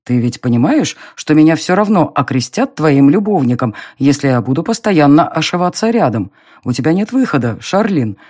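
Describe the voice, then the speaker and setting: A narrator playing a smug young nobleman who mocks and teases in an audiobook reading, with a slow, drawling, low delivery. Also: big pitch swings, darkish tone. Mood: mocking.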